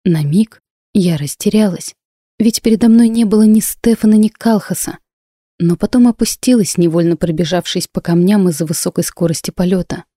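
Woman narrator, fantasy audiobook, steady expressive telling, mellow dark voice, dry close sound. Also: fairly low pitch, dry recording.

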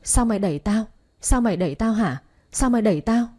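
A woman voicing a young pregnant woman who chats warmly, then wails and accuses in panic. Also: mid-range voice, brisk, husky, natural voice. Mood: wailing.

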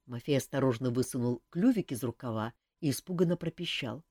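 A woman narrating an audiobook in an expressive, dramatic reading style. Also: a bass voice, a little fast, no echo, clean studio sound. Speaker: audiobook reader.

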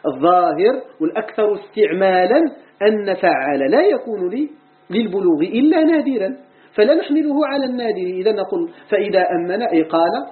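Lively high-voiced Moroccan man teaching. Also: fairly quick, echoey room, narrow, tinny audio. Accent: Moroccan Arabic. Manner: poses questions and answers them himself. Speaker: teacher of Quran commentary. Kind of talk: religious lesson explaining a text.

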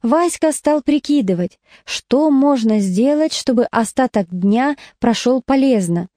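A woman narrating a story as an audiobook reader, lively and expressive. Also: a little high, a little slow, no room sound, studio quality.

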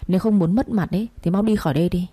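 A woman voicing a treacherous male lover who speaks fast and with open contempt. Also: fairly low pitch, dark tone, slightly rough, no echo. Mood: sneering. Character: sneering treacherous male lover, fake priest.

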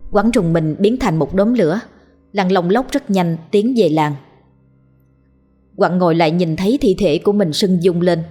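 Woman narrator, ghost story reading, measured delivery, lowish voice, soft music underneath.

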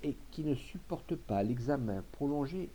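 A man narrates classic literary short stories as an audiobook reader. His reading is measured and expressive, with a middle pitch that moves widely through each sentence. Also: a little hiss or hum.

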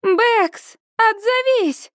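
A woman reading an audiobook, voicing an emotional young woman friend who calls out in a shrill, breathless voice. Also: extremely slow, fairly bright tone, dry recording, clean studio sound, heavily acted. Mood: frantic calling.

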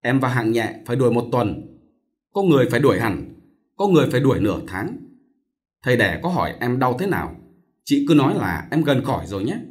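A man's voice: mid-range voice, sing-song, fairly quick, lightly acted. A man doing an earnest young student. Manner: earnest, explaining.

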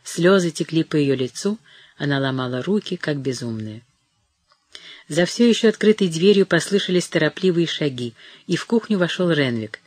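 A reader narrating a dramatic novel in a measured, storytelling manner. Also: mid-range voice, animated, a little mellow, no echo. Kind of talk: audiobook narration.

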